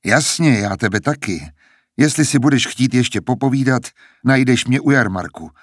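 A man's voice: medium pitch, expressive, no echo, studio quality, voice pushed up, natural voice. A man voicing a brash, jealous young man who taunts and sneers, in an audiobook reading. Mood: cocky.

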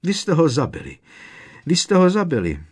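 A man's voice: a little high, wildly swooping pitch, slightly rough, voice pushed up, heavily acted. A man voicing a frantic female house-elf servant who shrieks and pleads. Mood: shrieking despair. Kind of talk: audiobook character voice.

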